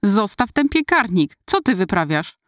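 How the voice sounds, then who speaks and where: A woman reading aloud voices a panicked eleven-year-old boy who shouts urgent pleas at his sister. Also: medium pitch, sing-song, unhurried, no room sound, studio quality. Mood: alarmed, pleading.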